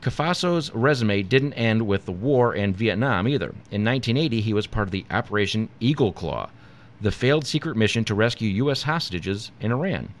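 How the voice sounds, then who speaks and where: A man's voice: lowish voice, expressive, a little fast. A man co-hosting a talk show, reading a scripted comedy segment aloud and sometimes stumbling over words. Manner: reads from a script with stumbles and laughs. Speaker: co-host.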